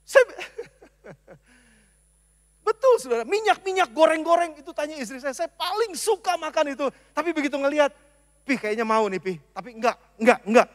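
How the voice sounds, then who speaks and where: A man preaching a sermon as pastor, animated, moving from loud emphasis to soft asides. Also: very high voice, moderate pace. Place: church. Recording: long church hall reverb.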